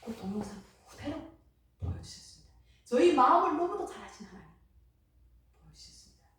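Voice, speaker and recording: A woman missionary from Korea, giving an impassioned church testimony that swings between hushed and loud. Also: high voice, sing-song, a little fast. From North Korea. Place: church sanctuary. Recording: very echoey hall, mic far off.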